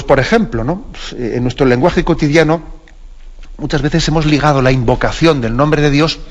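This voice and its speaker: A man's voice: mid-range voice, muffled recording. A man with a Spanish accent, a bishop explaining the catechism on radio in a conversational way, often adding tag questions and restarting sentences. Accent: Spanish from Spain.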